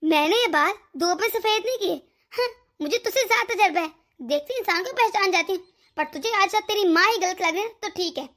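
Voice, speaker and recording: Woman voicing a stern worried mother, very high voice. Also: a little fast, fairly bright tone. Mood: scolding. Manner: scolding, lecturing. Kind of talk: cartoon voice acting.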